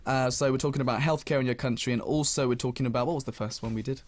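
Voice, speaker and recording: Chatty radio DJ. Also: male voice, mid-range voice, fairly even intonation, rapid-fire. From United Kingdom. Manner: upbeat, chatty, reads out listener messages. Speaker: radio DJ and host. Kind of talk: casual radio chat.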